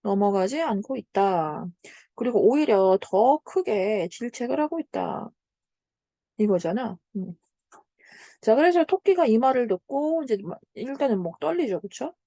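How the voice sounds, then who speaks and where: A woman lecturing on a literature passage in a somewhat high, mellow voice. She paraphrases the text as she goes, dropping in frequent "자" and "음" and checking that her students follow. The sound is dry and close. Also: expressive, a little slow, dry recording. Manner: explains by paraphrasing the text, with many "자" and "음" fillers; asks students to confirm understanding. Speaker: Korean literature teacher.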